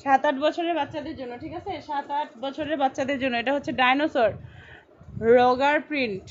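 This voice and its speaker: Woman, high voice, live-stream seller, dull lo-fi sound. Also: steady tone, quick pace, slight background noise. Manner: chatty, repeats sizes, reads out buyer names. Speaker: online clothing seller. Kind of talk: live-stream sales chat.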